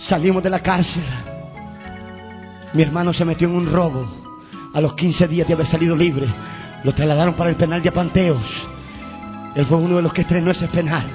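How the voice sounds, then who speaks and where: High-voiced preacher giving a fervent testimony, dull lo-fi recording, faint music behind. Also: male voice, fairly even intonation, brisk, pauses often. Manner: shouts proclamations, storytelling with call and response.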